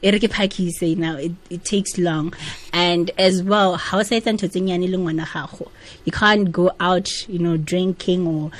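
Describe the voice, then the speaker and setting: A woman's voice: fairly low pitch, steady tone, moderate pace. A woman in her thirties with a South African Sotho accent, telling her personal story candidly as an interview guest and switching between languages. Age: 30s. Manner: code-switches between English and a local language.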